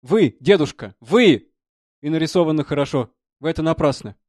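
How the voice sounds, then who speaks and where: An excitable young painter, loud and insistent, his voice pitched well above the reader's own, as a male narrator puts him on. It sounds like a storybook reading in a dry, close space. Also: normal speed, dry recording, close to an everyday voice. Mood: excited. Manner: agitated, talks loudly and insistently.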